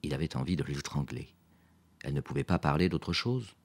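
A man narrating a novel aloud in a calm storytelling manner. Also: very deep voice, fairly quick, slightly rough. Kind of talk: audiobook reading. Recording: dry close studio sound.

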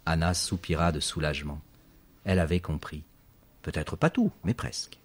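A man narrating a children's story with expressive, lively storytelling. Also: rumbling low, moderate pace, breathy edge. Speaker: audiobook narrator.

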